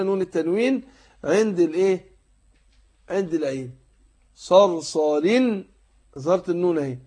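A man's voice: on the high side, a little mellow, husky. Egyptian male tajweed teacher. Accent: Egyptian Arabic. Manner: explains rules in colloquial speech, then recites verses slowly in a drawn-out chant. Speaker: Quran recitation teacher. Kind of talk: tajweed lesson, explaining and reciting.

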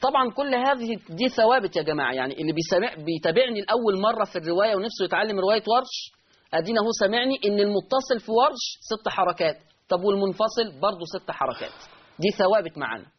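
A man's voice: sits high, lively intonation, racing, slightly rough, highs cut off. A man with an Egyptian Arabic accent teaching Quran recitation rules in an online lesson, repeating key terms and answering his own questions.

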